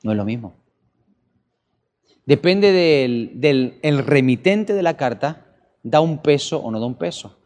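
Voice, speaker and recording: A man preaching a sermon, animated and full of rhetorical questions to his listeners. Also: mid-range voice, a little slow, pauses often. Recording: long church-hall reverb.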